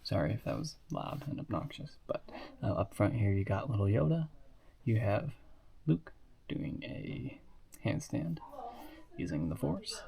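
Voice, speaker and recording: Speaking at a measured pace with long pauses, this man has a low, gravelly, dark voice with a sing-song lilt. He's a sniffly, sick hobbyist rambling through a casual show-and-tell of toy building sets, filling it with asides and fillers.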